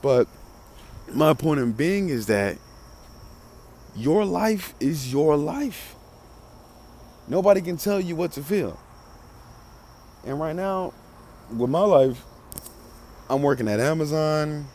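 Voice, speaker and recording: A man's voice: fairly high pitch, expressive, takes it slowly, pauses often, darkish tone. A man with a Southern US country accent, speaking as a podcast host in a casual motivational monologue, emphatic and repeating phrases for stress.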